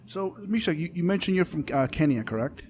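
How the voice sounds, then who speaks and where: Male podcast host, slightly high-pitched, enthusiastic announcer energy. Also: animated, a little fast, a little mellow, slight background noise. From Dominican Republic. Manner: enthusiastic, hype-style introductions. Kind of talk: casual interview.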